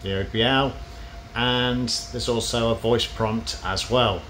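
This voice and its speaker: A man's voice: medium pitch, steady tone, a little slow, fairly bright tone. A man giving a casual, explanatory vlog commentary from inside a parked bus. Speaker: bus enthusiast presenting a video. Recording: noisy vehicle ambience.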